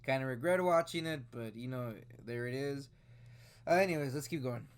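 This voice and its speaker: A man in his late twenties, a video host reacting to the news, rambles casually through a story with plenty of fillers and restarts. His clear, resonant voice sits at medium pitch and moves at a moderate pace.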